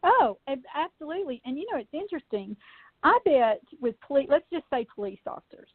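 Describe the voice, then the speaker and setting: A woman tells stories as a call-in interview guest, chatty and animated, with lots of fillers. Her voice sits fairly high. It comes through a thin, tinny phone line with no room sound. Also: fairly quick, dry recording. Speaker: podcast guest, UFO researcher. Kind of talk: casual storytelling in a call-in interview.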